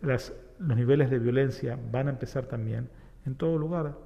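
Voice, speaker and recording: A man from Argentina with an Argentine accent, a rabbi guest calmly explaining ideas with everyday examples and parables. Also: medium pitch, moderate pace, gravelly, long reverb tail. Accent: Argentine Spanish. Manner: reflective, uses homely examples and parables. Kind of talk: explanatory talk-show conversation.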